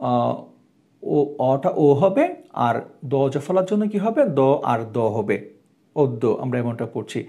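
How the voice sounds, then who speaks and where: A man tutoring grammar, asking questions and answering them himself, with drawn-out hesitations and repeated rules. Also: medium pitch, warm tone. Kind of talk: classroom explanation.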